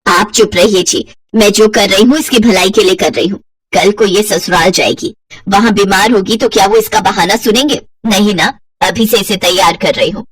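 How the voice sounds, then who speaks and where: A woman's voice: mid-range voice, normal speed, slightly rough, no echo, natural voice. A woman voicing a cruel, bitter stepmother who scolds harshly. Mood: defiant.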